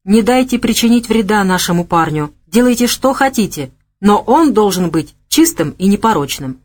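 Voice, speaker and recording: A woman's voice: medium pitch, lively intonation, normal speed, darkish tone, close to an everyday voice. A woman reading the lines of a curt, commanding male gang boss giving orders over a radio.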